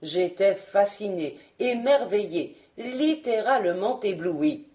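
A woman narrating a novel in an expressive, dramatic audiobook reading. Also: mid-range voice, slow. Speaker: audiobook reader. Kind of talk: scripted narration.

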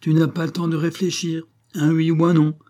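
A man reading the part of a worldly, commanding society woman in an audiobook, talking briskly and knowingly. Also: on the high side, monotone, mellow, pitched above the performer's own voice, lightly acted.

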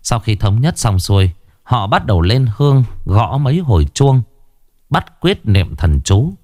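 A man narrating a horror story in a dramatic, lively storytelling manner. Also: medium pitch, a little slow, no room sound, studio quality.

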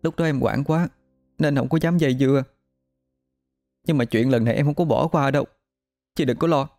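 A man's voice: on the high side, lively intonation, normal speed, a little mellow, faint music behind, pitched above the performer's own voice, natural voice. A man voicing a shaken but determined young female student, speaking in a choked, tearful yet resolute way.

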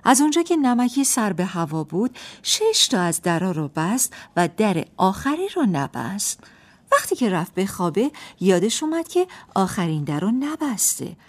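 A woman narrating a folk tale for a radio program, in a lively storyteller's manner. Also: mid-range voice.

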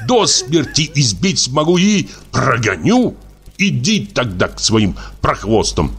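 A man voicing a drunk, jealous husband who shouts, scolds and rants at his wife in an audiobook. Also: medium pitch, very animated, slow pace, voice pushed up, full character voice. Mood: scolding. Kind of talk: audiobook character voice.

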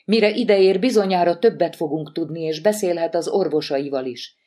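A woman voicing a calm, formal woman social worker on the phone, in an audiobook. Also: fairly low pitch, natural voice.

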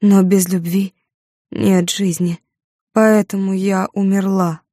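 A dying young woman who wails and curses in a high, strained voice, as a woman narrator puts her on. Her outbursts come slow and heavy, dark in tone and set against a dry, close studio sound. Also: little pitch movement, no room sound. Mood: faint, grieving. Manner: wailing, high and loud.

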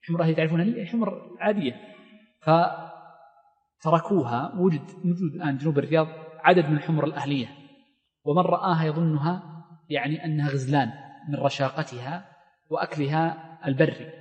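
A man teaches a lesson on Islamic law in a quick, slightly high voice. He reads a line from the text and then explains it at length, with plenty of fillers and restarts. His voice carries a long reverb, as if recorded in a large hall or mosque. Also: a little mellow, dull audio. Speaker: Islamic scholar teaching fiqh.

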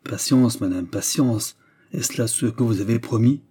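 A man reading an audiobook voices a cautious prison concierge who soothes a prisoner in a low, hesitant manner. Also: unhurried, warm tone, breathy edge. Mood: soothing. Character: cautious middle-aged male prison concierge.

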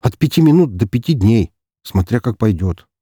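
A man's voice: fairly low pitch, lively intonation, normal speed, warm tone, slightly rough, no echo, clean studio sound. A man voicing an exasperated male tech specialist in an audiobook, protesting indignantly.

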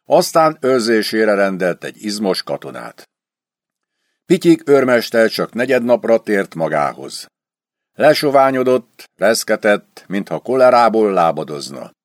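A man narrating a historical adventure novel in an expressive storytelling reading. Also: fairly low pitch, no room sound, clean studio sound. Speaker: audiobook narrator. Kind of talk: scripted literary narration.

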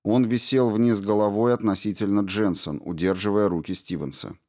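A man narrating a science fiction audiobook in an even, measured reading. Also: on the low side. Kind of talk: scripted narration.

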